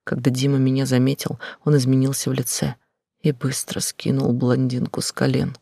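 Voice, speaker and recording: Husky man narrating in a hushed voice. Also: medium pitch, monotone, moderate pace, no room sound, clean studio sound. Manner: quiet, intense, often whispered delivery. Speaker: audiobook narrator. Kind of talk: first-person novel narration.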